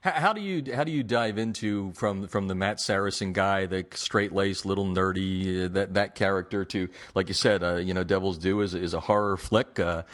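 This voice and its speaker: A male show host interviews a guest in a casual, conversational way. His questions come with small restarts. His voice sits slightly low. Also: normal speed, hardly any pauses, fairly bright tone. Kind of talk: interview hosting.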